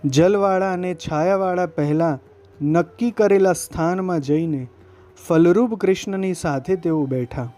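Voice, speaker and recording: A man reading a devotional scripture text aloud as narrator, in a gentle, steady recited delivery. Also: sits high.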